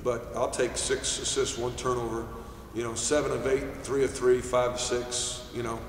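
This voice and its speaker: A middle-aged man from New York, a basketball head coach answering postgame questions at a press table in a measured way, with many fillers and restarts. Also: medium pitch, flat delivery. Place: press room, seated at table. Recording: echoey room, distant mic, faint hiss.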